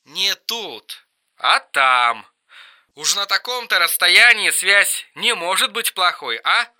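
A man voicing an erratic, mocking young man on the phone in an audiobook reading, shrill and teasing. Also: heavily acted. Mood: calm. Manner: shrill, teasing, quick swings to flat calm.

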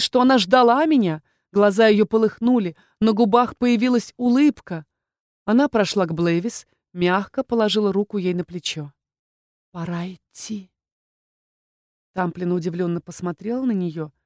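A woman narrating a fantasy audiobook in the first person, measured and even. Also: mid-range voice, dry recording, clean studio sound.

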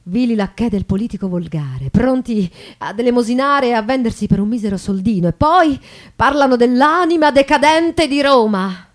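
An actress portrays a bitter, elegant, proudly ironic 19th-century bourgeois wife in a confessional stage monologue that moves between hushed and declamatory, accompanied by live guitar. Her voice is fairly high and expressive, lightly acted at a moderate pace, and the mood is bitter and scornful.

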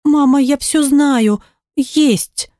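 A woman's voice: sits high, extremely slow, warm tone, no room sound, clean studio sound, pitched above the performer's own voice. A woman reading an audiobook, voicing a small girl who pleads in a trembling, tearful voice.

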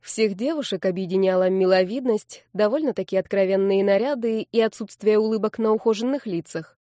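A young woman reading a first-person story aloud in a wry, lively way. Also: mid-range voice, a little fast, dry recording, studio quality. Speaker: audiobook narrator. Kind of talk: first-person audiobook narration.

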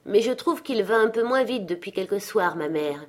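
A woman reading aloud voices the quiet young son of a poor family, who speaks gently. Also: medium pitch, animated, moderate pace, pitched above the performer's own voice, lightly acted. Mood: gentle.

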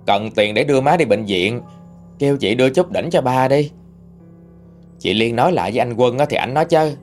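A man with a Southern Vietnamese accent narrating a true-life story in an expressive, gossipy way. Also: mid-range voice.

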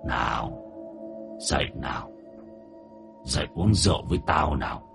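A cold, possessed old man, his voice sunk extremely low and gravelly with fry. He threatens in a menacing growl that swoops between lines. Faint music sits under this spoken horror tale. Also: moderate pace, a bit bright. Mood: coaxing, eerie.

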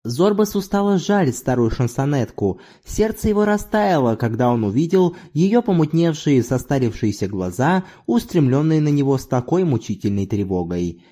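A man narrating a literary audiobook in an expressive storytelling manner. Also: medium pitch, moderate pace, few pauses.

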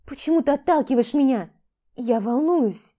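A woman voicing a clingy young woman who pleads desperately in a raised, high voice in an audiobook. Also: expressive, a little slow, warm tone. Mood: pleading.

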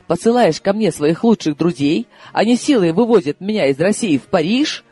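A man voicing a shrill, indignant young woman. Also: expressive, moderate pace, darkish tone, breathy edge, soft background music. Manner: shrill, tearful, protesting.

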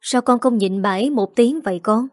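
A woman voicing a calm, polite middle-aged father, speaking gently. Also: a little high, normal speed, no room sound, clean studio sound, natural voice.

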